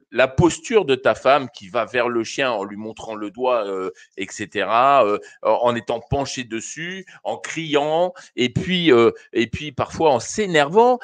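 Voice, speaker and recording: A man's voice: mid-range voice, no echo. A man hosting a live call-in show on dog training, giving casual advice to viewers with many fillers and restarts. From France. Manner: hesitant, many fillers and restarts, addresses callers familiarly.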